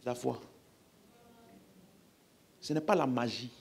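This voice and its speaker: A man's voice: medium pitch, slow pace, gravelly, husky. A man with a French accent preaching a healing-service sermon, emphatically calling out questions to the congregation.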